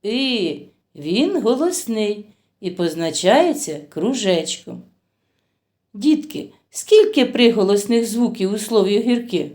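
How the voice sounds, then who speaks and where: A woman's voice: medium pitch, darkish tone. A woman teaching a phonics lesson to young children. She stretches out each word as she sounds it, asks them questions and praises them. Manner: slow, drawn-out sounding of words for children. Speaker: kindergarten teacher.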